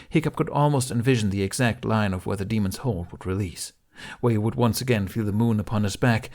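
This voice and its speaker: Narrating an adventure audiobook, this man uses a fairly low voice with a slight mellowness. He reads from a script in a dramatic, storyteller fashion.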